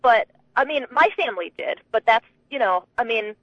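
A woman from New England calling a sports radio show, chatting in an animated, laughing way with lots of restarts, on a phone line. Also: a little high, normal speed, dry recording. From Connecticut, New England. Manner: chatty, laughing, animated, talks over herself. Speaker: radio caller.

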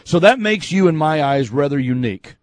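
A man's voice: a little high, expressive, brisk, no room sound. A man hosting a call-in sports radio show, talking in an emphatic, teasing, opinionated way from a studio.

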